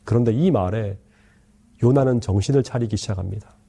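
A male pastor giving an earnest sermon, pleading with the congregation and letting his sentence endings fall soft and low. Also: brisk, vocal fry, husky.

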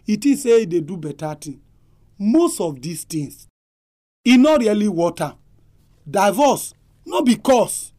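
A Nigerian-accented man speaks as a pastor, exhorting listeners and praying. His delivery is animated, with pitch that rises and falls widely.

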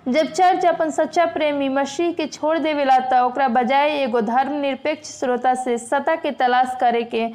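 Preacher: woman, high voice, Bhojpuri accent, steady measured Bible sermon.

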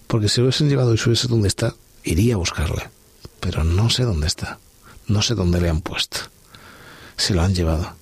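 A man's voice: lowish voice, brisk, pauses often, husky, no room sound. A man leading a reflective Bible study talk on a podcast, musing aloud and posing rhetorical questions. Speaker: podcast host.

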